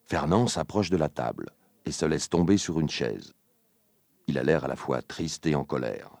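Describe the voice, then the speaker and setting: Audiobook narrator, man, extremely low voice, dry sound. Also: expressive, normal speed, vocal fry, a little mellow, dry recording.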